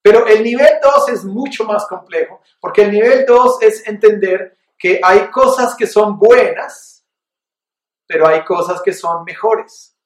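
A man preaching as a pastor, telling a personal story in an earnest, reflective way, then slowing into emphatic teaching. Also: high-pitched. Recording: echoey room, voice from a distance.

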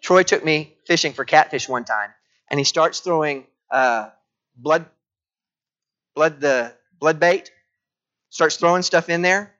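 A pastor takes his time over a sermon, pausing often as he recounts personal stories and puts rhetorical questions to the congregation. His fairly high voice has a slight brightness, he speaks English as his first language in a conversational way, and the recording is dull lo-fi.

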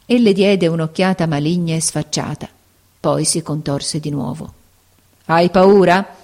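A woman reads a novel aloud as a narrator, measured and expressive. Her voice sits on the low side for a woman. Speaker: audiobook narrator. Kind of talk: scripted narration.

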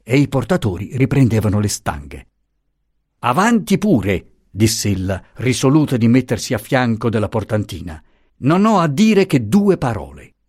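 A man reading an audiobook aloud in a dramatic, unhurried way. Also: on the low side, darkish tone, slightly rough, no room sound, clean studio sound. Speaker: audiobook reader. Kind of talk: scripted audiobook narration.

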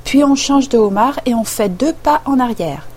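A woman voicing an excitable male griffin in a storybook reading, shouting out dance steps. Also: fairly high pitch, moderate pace, breathy edge, pitched above the performer's own voice. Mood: eager.

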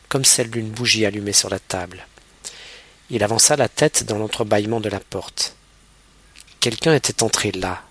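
A man narrating a classic novel as an audiobook in a measured, even reading. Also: on the low side, slightly rough, no room sound.

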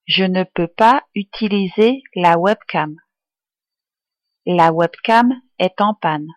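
A woman tutor reading useful phrases aloud for learners, enunciating each one clearly and deliberately. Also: fairly low pitch, no echo. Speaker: language tutor.

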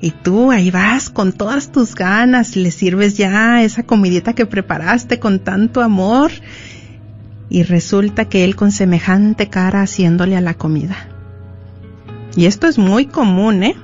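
A woman's voice: mid-range voice, a little slow, a little mellow. Woman giving a pastoral marriage talk. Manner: conversational, acts out little scenes. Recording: dull lo-fi sound with faint music.

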